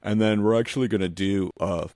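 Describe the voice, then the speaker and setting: This man in his forties, a visual artist, speaks a little fast in a lowish voice while co-hosting a podcast. His storytelling is animated and rambling, full of self-interruptions, restarted sentences and casual profanity. The sound is clean studio audio with no echo.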